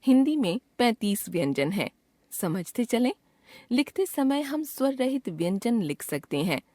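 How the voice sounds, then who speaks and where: A woman's voice: mid-range voice, dark tone, no echo. A woman reading out a scripted grammar lesson as a teacher, carefully drawing out each sound she names. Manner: slow, careful, drawn-out enunciation of sounds.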